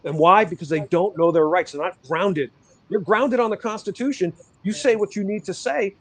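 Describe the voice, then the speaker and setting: Fired up guy guest, emphatic, cusses, fairly high voice. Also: moderate pace. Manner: emphatic, impassioned, profane. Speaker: podcast guest, rights activist. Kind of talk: casual chat.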